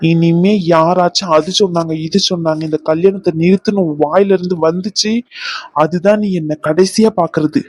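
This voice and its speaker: A man's voice: sits high, fairly even intonation, normal speed. A man voicing insistent cartoon lover Ragu. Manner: insistent, demanding answers. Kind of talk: cartoon voice acting.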